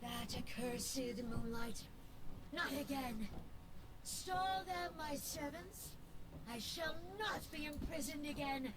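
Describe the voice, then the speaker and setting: Game villain: vengeful undead female dragon, unearthly booming voice, high register, grandiose menace. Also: slow pace, a bit bright, poor audio. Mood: resentful, menacing. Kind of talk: video game villain acting.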